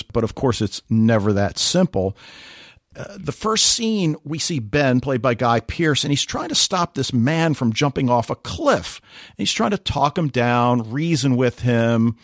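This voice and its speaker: A man's voice: mid-range voice, no echo, clean studio sound. Chatty man reviewing TV on a podcast. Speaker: podcast co-host. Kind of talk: casual podcast chat.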